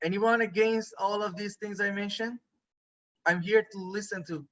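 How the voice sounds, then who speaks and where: High, bright-voiced male instructor lecturing. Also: steady tone, moderate pace. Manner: conversational, often checks in with students. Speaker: university photography instructor. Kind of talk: online class lecture. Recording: dull lo-fi recording.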